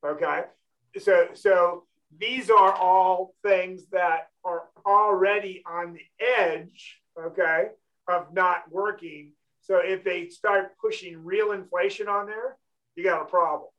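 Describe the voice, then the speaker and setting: High-pitched guy hosting a money talk show, blunt, keeps saying okay. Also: fairly even intonation, takes it slowly, fairly bright tone, lo-fi sound. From California. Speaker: financial talk show host. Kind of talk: casual talk show chat.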